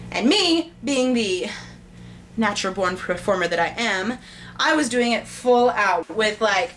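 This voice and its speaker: A woman vlogger telling a childhood story to camera in a bubbly, excitable, self-mocking way. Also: fairly high pitch, slight background noise.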